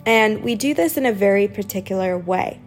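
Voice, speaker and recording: A woman speaks as a podcast host and teacher in a casual, informal style. Her voice sits at a medium pitch, and she leans on key words by repeating them. Music plays faintly in the recording. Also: lively intonation, brisk. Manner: chatty, informal, emphatic repetition of words. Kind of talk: casual solo podcast talk.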